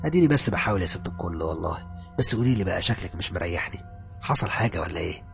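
A man voicing a friendly, joking young male colleague with an Egyptian accent, teasing and loud. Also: low-pitched, animated, very fast, vocal fry, soft background music. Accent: Egyptian Arabic.

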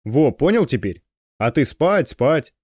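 A man voicing an older, fussy, hard-drinking male guide who talks in an excitable, insistent way. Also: medium pitch, measured pace, breathy edge, no echo, studio quality.

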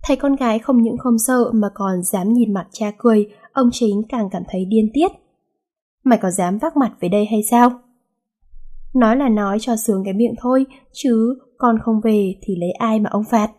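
A woman narrating a romance novel in a lively, amused storytelling manner. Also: a little high, moderate pace, few pauses. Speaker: audiobook narrator.

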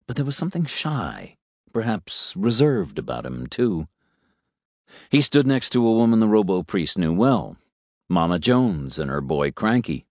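A man reading a story aloud in a measured, unhurried way. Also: on the low side, sing-song, a little mellow, no echo, studio quality. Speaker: narrator. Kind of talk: storybook narration.

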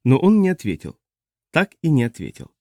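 A man reading a novel aloud in measured, steady scripted narration on a close mic. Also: mid-range voice, dry recording. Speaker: audiobook narrator.

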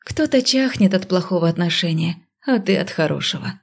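A woman reading an audiobook, voicing a feisty young heroine whose retorts come out bright and teasing. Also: lowish voice, animated, normal speed, vocal fry, husky, heavily acted.

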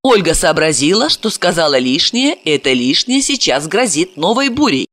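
A woman narrating a novel as an audiobook, in an expressive storytelling manner. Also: lowish voice, moderate pace, no room sound, clean studio sound. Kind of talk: scripted narration.

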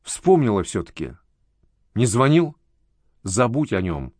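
Man voicing older woman, schoolteacher mother, brisk, scolding, protective, spoken story, lively pitch, dry close sound. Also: no echo. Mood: scornful.

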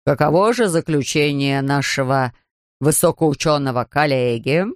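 A man voicing a pompous older male surgeon, gruff and sarcastic. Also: on the high side, normal speed, no echo, studio quality, pitched below the performer's own voice, natural voice.

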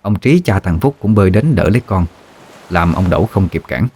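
Deep-voiced man telling a ghost story. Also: lively intonation, brisk, a little mellow, slightly rough. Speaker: narrator.

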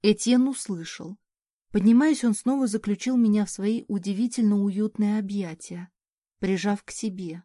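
A woman reads a first-person novel in an even, measured way. Her tone is dark and mellow, and the recording is close and dry with no room sound. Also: mid-range voice, no echo. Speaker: audiobook narrator. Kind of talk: scripted first-person narration.

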